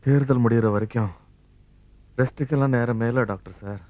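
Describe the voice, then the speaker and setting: Male actor as earnest raspy village leader; thin, tinny film sound. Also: mid-range voice, fairly quick, natural voice. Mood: insistent. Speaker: village leader campaigning for an election. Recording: tinny phone-like film audio.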